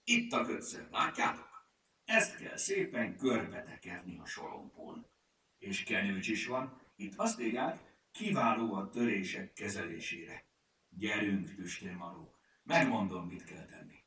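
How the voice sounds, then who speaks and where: A man voicing a know-it-all, bossy male storybook creature who lectures others and shouts crossly. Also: lowish voice, lively intonation. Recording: echoey room, far from mic, faint hiss.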